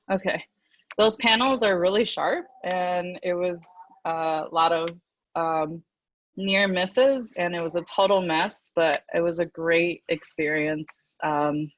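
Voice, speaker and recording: A woman introducing herself to her class on a video call, joking and unhurried. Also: fairly low pitch, dull audio. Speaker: student.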